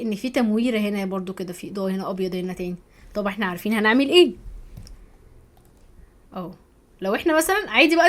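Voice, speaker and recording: An Egyptian woman teaching a software course over a screen recording, chatty, often checking in with her viewers. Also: medium pitch. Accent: Egyptian Arabic. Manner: chatty, keeps asking "تمام؟", thinks aloud while clicking.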